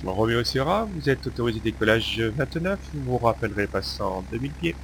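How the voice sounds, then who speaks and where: Guy controller giving clearances, halting, creaky voice, engine hum on the radio. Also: medium pitch, expressive, a bit bright. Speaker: air traffic controller. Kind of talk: radio clearances with standard phraseology.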